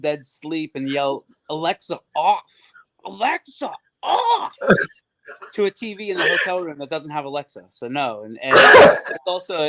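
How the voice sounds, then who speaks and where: A man joining a sports radio show as a guest, talking casually with animated, rambling storytelling. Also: fairly high pitch, no room sound.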